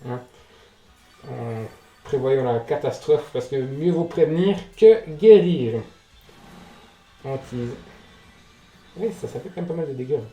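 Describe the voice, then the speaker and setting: A man with a mellow, medium-pitched voice hosts a casual gaming let's play. He reacts out loud, swears and addresses the game directly. The room is echoey, with music playing behind him. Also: lively intonation, slow pace, pauses often. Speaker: gaming video host.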